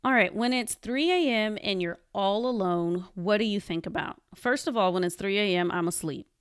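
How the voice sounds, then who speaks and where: A woman's voice: medium pitch, moderate pace, clean tone, dry recording, studio quality. A young adult woman hosting a solo podcast, talking candidly and chattily and acting out her own quoted lines. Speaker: podcast host. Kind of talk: personal solo podcast monologue.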